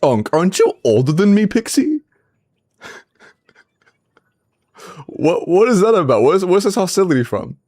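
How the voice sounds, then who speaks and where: Lively, bantering young man streamer. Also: high-pitched, moderate pace, pauses often. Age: 20s. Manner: playful, bantering with chat; laughs often. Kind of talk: casual livestream chat reviewing game accounts.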